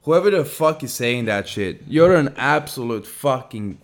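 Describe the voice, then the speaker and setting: A man's voice: mid-range voice, lively intonation, unhurried. A man co-hosting a casual podcast chat, given to heated, profane rants. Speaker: podcast co-host.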